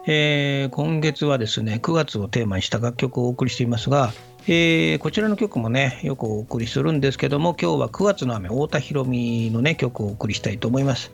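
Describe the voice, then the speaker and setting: A man hosting a radio program in a casual, polite, unhurried manner, with many fillers. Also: mid-range voice, animated, creaky. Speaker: radio host. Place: radio studio. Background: faint music.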